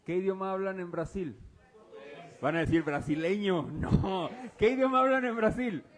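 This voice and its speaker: High-voiced pastor quizzing his flock. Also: normal speed. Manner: quizzes the congregation, casual and teasing. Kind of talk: interactive sermon. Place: church service before a congregation.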